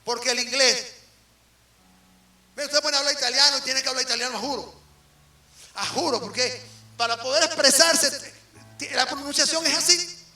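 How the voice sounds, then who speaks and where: A man with a Venezuelan accent preaching a sermon as an apostle, swinging between loud emphasis and quiet asides and firing questions at the congregation. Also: extremely high pitch, moderate pace, long pauses, distant mic. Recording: roomy hall from off the mic, faint music.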